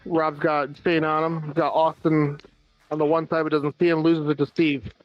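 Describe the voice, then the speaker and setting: An American play-by-play commentator gives a rapid running call of an amateur floor hockey game, rattling off passes and shots with the odd dry joke. His voice sits a little high for a man and moves little in pitch. The recording is muffled, with faint music underneath.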